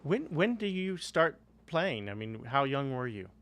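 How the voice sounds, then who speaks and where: A male host at a live event praises a performance and asks the guest for his impressions. His voice is smooth and clear, and his questions wander loosely. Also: medium pitch, sing-song, unhurried, a bit bright. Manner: effusive, rambling questions.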